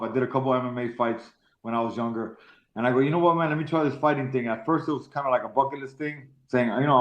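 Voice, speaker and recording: A man in his forties from Miami, a professional fighter telling his life story in an interview, in a casual, halting way with many repeated words. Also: mid-range voice. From Miami, Florida. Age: 40s. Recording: roomy, dull lo-fi sound.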